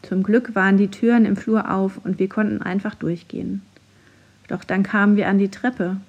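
A woman reading a first-person children's story aloud in steady, clear narration. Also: mid-range voice, moderate pace, lo-fi sound.

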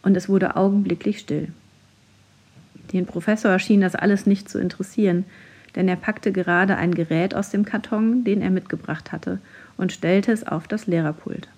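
A woman reading a first-person children's story aloud in steady, clear narration. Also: mid-range voice, normal speed.

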